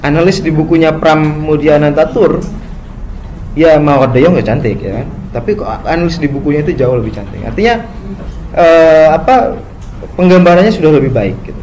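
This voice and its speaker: A man giving a spoken lecture, often ending phrases with "gitu ya" and pausing on fillers. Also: a little high, darkish tone, a little hiss or hum, rough recording. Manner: frequent "gitu ya" tags, hesitant fillers.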